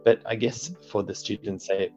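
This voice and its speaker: Here a middle-aged deputy principal and teacher from Australia, a first-language English speaker, reflects earnestly in an interview, frequently starting over mid-sentence. His voice is fairly low and dark, at normal speed, captured in muffled lo-fi sound with faint music behind.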